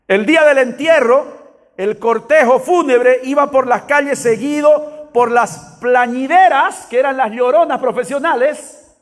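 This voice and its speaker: High-voiced man preaching in a reverberant hall. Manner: emphatic preaching with repeated calls to the congregation. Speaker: pastor. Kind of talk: sermon.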